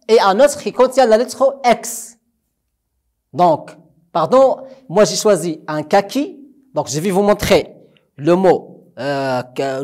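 A primary school French teacher, giving a recorded lesson and patiently repeating each word for the children to echo. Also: medium pitch.

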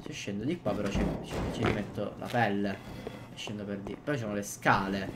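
A man, giving excitable gameplay commentary and often repeating his exclamations. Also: on the low side, brisk. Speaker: gaming youtuber. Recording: loud background noise.

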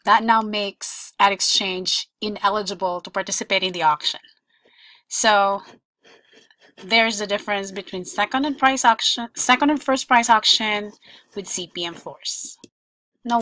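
Female tutorial presenter, mid-pitched, methodical step-by-step explainer, dry close-miked voice-over. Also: fairly bright tone, dry recording. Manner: explanatory, walks through examples step by step. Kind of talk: screen-share tutorial voice-over.

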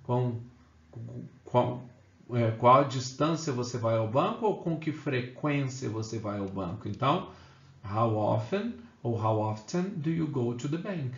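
A man's voice: medium pitch, lively intonation, unhurried. A man teaching an English grammar lesson to Portuguese speakers, explaining step by step and checking in with "né?" and "ok?". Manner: explains step by step, often adds "né?" and "ok?". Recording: echoey room, slightly dull sound.

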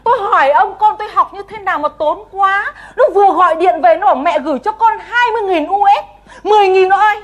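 A shrill, fussing mother in a TV comedy sketch. She exclaims in a very high voice. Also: quick pace. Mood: exasperated. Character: fussing middle-aged mother of a student abroad.

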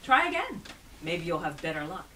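A woman's voice: fairly low pitch, very animated, moderate pace, bright, forceful tone, recorded from a distance, slight background noise. A woman voicing a sly, cheerful trickster man in a storybook, wheedling and exclaiming in a sing-song way. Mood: mock sympathy.

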